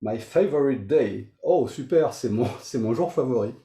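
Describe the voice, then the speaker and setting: A man's voice: mid-range voice, expressive, unhurried, warm tone. A man reading the lines of a small, childlike bear cub in a storybook, with eager, delighted exclamations. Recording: roomy echo.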